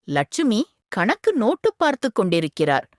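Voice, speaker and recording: A woman's voice: mid-range voice, huge pitch swings, normal speed, no echo, studio quality. A woman reading a family story aloud, telling it expressively. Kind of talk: scripted narration.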